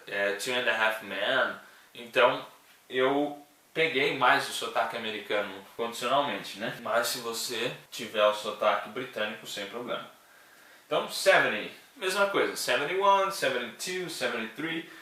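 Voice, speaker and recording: A man's voice: mid-range voice, pushed and bright. A man teaching English numbers in a casual, chatty way, joking and often checking in with his listeners. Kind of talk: casual classroom explanation. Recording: very echoey room, mic at a distance.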